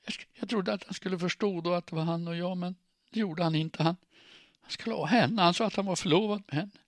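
A man's voice: vocal fry, a bit bright, dry recording, clean studio sound. A man voicing a sobbing, frantic young woman. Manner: shrill, sobbing, pleading. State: crying. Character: distraught young woman, desperate and unstable.

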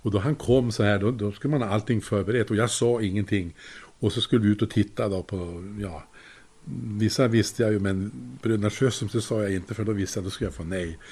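A man's voice: lowish voice, darkish tone, slightly rough. An older man telling a casual anecdote, chuckling now and then and acting out the voices of the people he quotes. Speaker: storyteller.

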